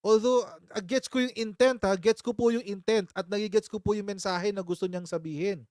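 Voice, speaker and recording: A man's voice: sits high, steady tone, fairly quick, a little mellow, dry recording, studio quality. A man hosting a casual political commentary live stream, chatty and sarcastic, often breaking into laughter and mocking his critics. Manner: sarcastic, mock-impersonates critics.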